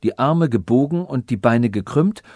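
A man's voice: mid-range voice, expressive, moderate pace, a little mellow, no room sound, studio quality, lightly acted. A man reading an audiobook voices a young prince in disguise who explains things earnestly and at length. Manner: earnest, long-winded explanations. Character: young prince posing as a human.

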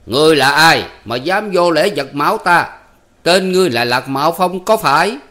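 A man's voice: fairly high pitch, expressive, normal speed, bright, forceful tone, voice pushed up. A man voicing an old male theatre troupe manager who is jovial and commanding, with a theatrical, declaiming way of talking. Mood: stagey bellowing. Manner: theatrical, bellowing stage declamation.

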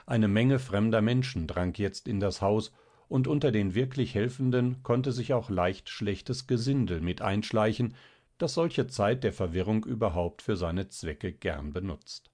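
Low-voiced man reading a novel. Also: measured pace, darkish tone. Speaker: audiobook narrator. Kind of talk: scripted literary narration.

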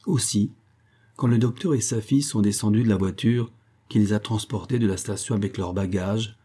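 A man narrating a novel as an audiobook, in a measured, even storytelling manner. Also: fairly low pitch, husky.

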